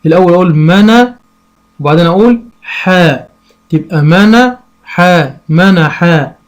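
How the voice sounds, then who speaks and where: Reading teacher, male, Egyptian accent, slightly high, patient question-and-answer delivery. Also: darkish tone. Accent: Egyptian Arabic. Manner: slow, drawn-out syllable sounding; asks and answers his own questions. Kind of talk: lesson for parents.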